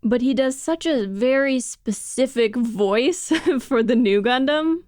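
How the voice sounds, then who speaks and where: A woman's voice: high voice, slow, a little mellow, no room sound, clean studio sound. A woman co-hosting a casual podcast discussion, explaining things in detail and laughing often as she talks. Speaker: podcast co-host.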